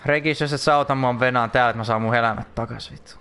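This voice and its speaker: A young man ranting through a video game, loud and exasperated, swearing constantly. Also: mid-range voice, fairly even intonation, clear, resonant tone. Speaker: gaming YouTuber.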